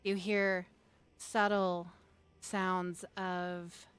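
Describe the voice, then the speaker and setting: A woman narrating as game master in a tabletop role-playing game, describing scenes in an unhurried, descriptive way. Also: fairly low pitch, flat delivery, clean tone.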